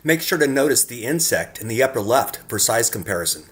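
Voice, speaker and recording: A very animated man with a medium-pitched, slightly bright voice talks a little fast as he presents his own photos. He reads from a script in an earnest manner, speaking directly to the viewer.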